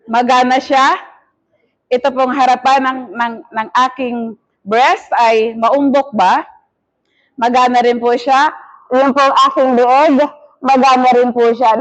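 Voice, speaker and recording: A middle-aged woman bishop preaching a testimony sermon, telling her story with lively acted-out quotes. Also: sits high, takes it slowly, pauses often. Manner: animated storytelling that mixes Tagalog and English, with acted-out quotes.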